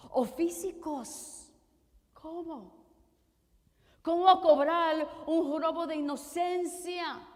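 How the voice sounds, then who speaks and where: A woman minister preaches with a high, bright-sounding voice, letting each word stretch out very slowly. She stacks up rhetorical questions and at times swells into a shout. Her voice rings with the long reverb of a church hall. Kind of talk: sermon.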